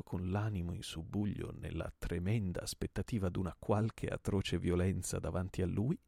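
A man reading a play aloud at night in a calm, measured voice. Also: low voice, creaky, breathy edge, no echo, clean studio sound. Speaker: reader.

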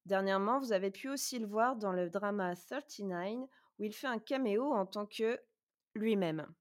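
A woman's voice: mid-range voice, moderate pace. A woman hosting a podcast, chatting casually with frequent hesitations and presenting prepared notes. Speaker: podcast host.

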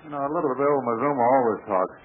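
An actor playing a grumbling, wisecracking adventurer in a 1940s radio serial. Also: male voice, mid-range voice, animated, racing, natural voice. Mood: wry. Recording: scratchy 1940s radio recording, narrow band.

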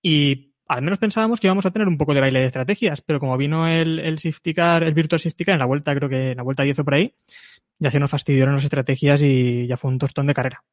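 A man's voice: fairly high pitch, quick pace, no room sound, clean studio sound. A man on a podcast panel giving casual motorsport commentary in a Spain Spanish accent.

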